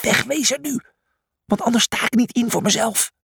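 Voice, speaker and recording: A man's voice: a little high, animated, moderate pace, creaky, husky, no echo, studio quality, voice pushed up, exaggerated voice. A man voicing an anxious, bossy young male donkey who scolds in a hissing voice. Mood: scolding.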